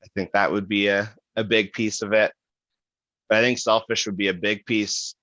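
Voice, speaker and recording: A man hosting a podcast, reflecting out loud in a casual, halting way with restarts. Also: lowish voice, steady tone, no room sound, highs cut off. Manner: thinking aloud, halting with restarts and fillers. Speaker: podcast host.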